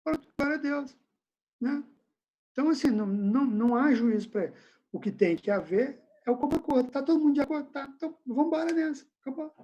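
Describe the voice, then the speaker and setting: A man's voice: very high voice, lively intonation, a little fast, dark tone, dull audio. A male pastor leading an informal Bible study question-and-answer session over a video call from home, talking in a casual, slangy, conversational way.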